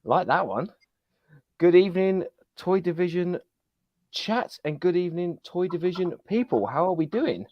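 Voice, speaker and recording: A man's voice: high voice, animated, normal speed, no room sound, dull audio. Upbeat man hosting a live stream. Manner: upbeat, greets chat viewers one by one. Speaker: podcast host. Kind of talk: casual live-stream chat.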